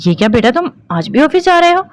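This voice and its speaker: A woman's voice: sits high, very animated, no echo, pitched above the performer's own voice. A woman voicing a middle-aged mother who questions her son in an audio novel. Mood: chiding. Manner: inquiring, mildly chiding.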